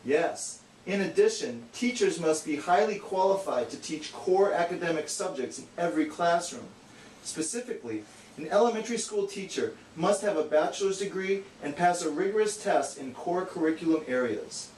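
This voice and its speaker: Playing the straight man in a puppet show, a man gives an earnest, matter-of-fact scripted educational explanation. His voice is a little high and darkish, with lively intonation at a moderate pace. The recording sounds echoey and distant, with faint noise.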